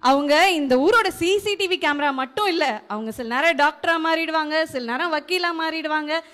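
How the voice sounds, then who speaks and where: A woman's voice: sits high, normal speed, a bit bright. A woman playing a chatty village nurse who guides the audience through the village, in an amateur role play. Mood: guiding. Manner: chatty, guiding.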